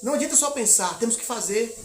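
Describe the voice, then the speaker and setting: Echoey man preaching a lively testimony. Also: very high voice, fast talker, very noisy. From Minas Gerais, Brazil. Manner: lively storytelling, acting out the dialogue; exhorting the congregation. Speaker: missionary preacher. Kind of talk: sermon testimony.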